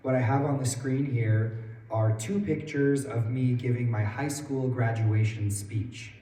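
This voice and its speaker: A man in his twenties with a hoarse, worn-out voice, giving a personal public talk as a guest speaker. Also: medium pitch, fairly even intonation, unhurried, warm tone. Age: 20s. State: hoarse from losing his voice that morning. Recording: roomy echo, distant mic, faint noise.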